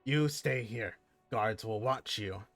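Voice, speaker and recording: A man voicing a gruff, bossy male kobold guard who gives clipped orders in broken speech. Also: lowish voice, slow, a bit bright, no echo, faint music behind. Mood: stern.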